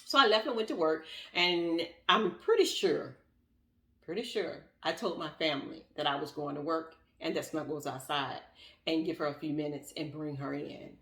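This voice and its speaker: A woman vlogger telling a personal story in a casual, animated way, acting out what others said. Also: deep voice, moderate pace, distant mic. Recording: echoey room, voice off-mic.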